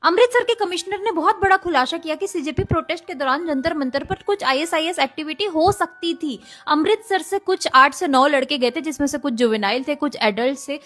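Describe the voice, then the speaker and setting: A woman's voice: sits high, a little fast, hardly any pauses, fairly bright tone. A woman giving sarcastic political commentary.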